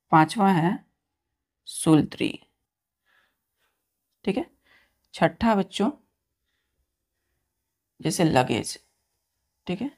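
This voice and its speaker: A male teacher giving a grammar lesson, spelling words out letter by letter, asking and answering his own questions and often checking in with a quick "okay". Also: sits high. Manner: asks and answers own questions, addressing students as children.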